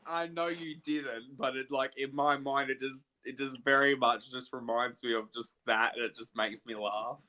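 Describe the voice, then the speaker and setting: A young man hosting a casual makeup livestream, chatty and animated, quick to laugh. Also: medium pitch.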